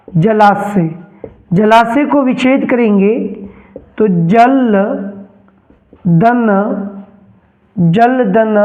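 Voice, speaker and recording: A man's voice: high voice, darkish tone, rough recording. A man teaching a grammar lesson, repeating each term and asking and answering his own questions.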